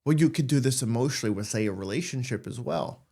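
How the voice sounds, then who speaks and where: A man's voice: mid-range voice, lively intonation, fast talker, dark tone. A man hosting a podcast, talking casually and candidly about anxiety, joking and acting out his own worried thoughts. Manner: candid, jokey, acts out anxious thoughts. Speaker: podcast host. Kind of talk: casual self-help monologue.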